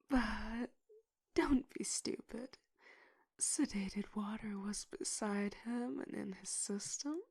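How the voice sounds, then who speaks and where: Woman acting a soft-spoken tough-cop detective, ASMR role-play. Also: mid-range voice, vocal fry, breathy edge, dry recording, full character voice. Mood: dismissive, matter-of-fact. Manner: slow, deliberate, intimidating tough-cop manner. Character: tough cop, stern condescending detective interrogating a witness.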